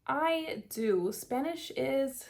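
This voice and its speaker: Speaking very slowly, this woman has a high-pitched, expressive, creaky voice with a darkish tone. She's a beauty vlogger in her twenties from South Florida, chatting upbeat through a hair tutorial with lots of "like" and "kinda."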